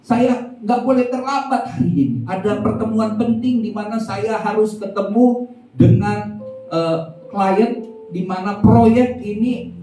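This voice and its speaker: A short-tempered husband rants about being late in a shrill, raised voice, as a preacher puts him on. The sound is roomy and comes from a mic set well away. A dark tone colours it, with soft guitar underneath. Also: male voice, recorded from a distance. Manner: shouting complaints, rushed and indignant. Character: angry hurried office-worker husband, middle-aged man.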